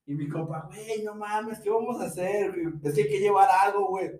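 A man's voice: sits high, fairly quick, darkish tone, distant mic. A young Mexican man with a Mexican Spanish accent telling a vacation story in casual, slangy chat, laughing and acting out what his friends said. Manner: slangy, laughing, acts out dialogue. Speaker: podcast co-host. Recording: echoey room, away from mic.

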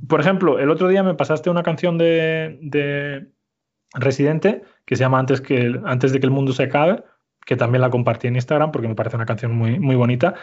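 A man teaches a Spanish lesson in an even, middle voice. He explains step by step and keeps checking that his listeners follow. The recording sounds slightly dull. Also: medium pitch, brisk. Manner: explanatory, frequent "¿vale?" checks. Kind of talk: language lesson.

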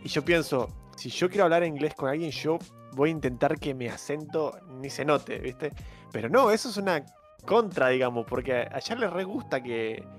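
A man's voice: fairly high pitch, animated, normal speed, soft background music. A young man with an Argentine accent who talks casually and rambles, hedging with fillers. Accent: Argentine Spanish. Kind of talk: casual chat.

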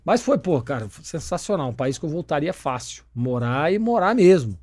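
A middle-aged man with a Brazilian accent tells stories in a casual interview, animated and swearing freely. His voice sits a little high, recorded dry and close. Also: normal speed, no room sound. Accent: Brazilian Portuguese. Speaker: former footballer turned sports broadcaster.

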